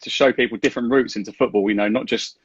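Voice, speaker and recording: A man's voice: mid-range voice, steady tone, fast, husky, muffled recording. A man hosting a casual interview over a video call, matey and loosely phrased. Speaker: interview host. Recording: faint noise and clicks on call.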